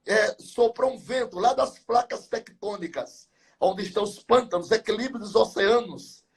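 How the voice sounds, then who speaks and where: A man's voice: sits high, moderate pace, vocal fry, breathy edge. A man in his seventies, a pastor, telling Bible stories with fervor, piling up numbers and wordplay in a live chat. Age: 70s. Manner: fervent storytelling with biblical numbers and wordplay. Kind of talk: preaching chat in a live talk.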